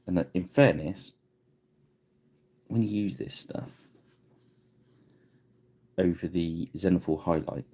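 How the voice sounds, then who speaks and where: Male livestream painting host, deep gravelly voice, rambling and chatty. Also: takes it slowly, pauses often, dark tone. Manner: rambling, chatty, laughs at himself. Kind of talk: casual live painting tutorial.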